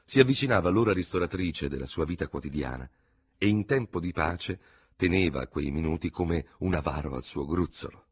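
A man reading a novel aloud as the narrator, with an expressive storytelling delivery. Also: sits low, fairly quick, breathy edge. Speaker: audiobook narrator. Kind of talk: scripted literary narration.

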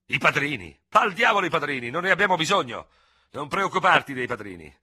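Man playing a furious short-fused hussar, shouting, husky, swinging pitch, storybook. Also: expressive, fairly quick. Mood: raging. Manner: shouting, hissing, ranting. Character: small hot-tempered Gascon hussar lieutenant, furious. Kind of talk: audiobook character reading.

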